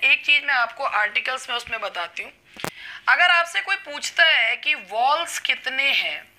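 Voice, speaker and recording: A woman leads a classroom-style English lesson, taking her time over each point. Her voice sits high and sounds very bright and sharp. She stretches out example words as she explains them. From India. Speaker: English teacher.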